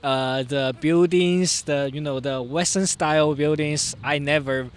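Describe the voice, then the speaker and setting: A man from China, a tourist, haltingly describing the city in a street interview. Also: fairly high pitch, fairly even intonation, clean tone.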